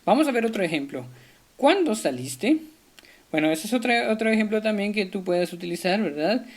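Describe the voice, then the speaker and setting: A man's voice: sits high, quick pace. A man, a primary school teacher, giving a friendly video lesson to children, speaking to the pupils directly with frequent hesitations.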